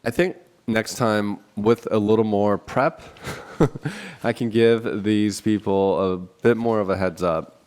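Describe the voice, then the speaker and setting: A podcast host works solo out of a small office, fielding phone calls and chatting in a self-deprecating way with frequent laughter. His stuffy, nasal voice is fairly low with a darkish tone and a slow pace.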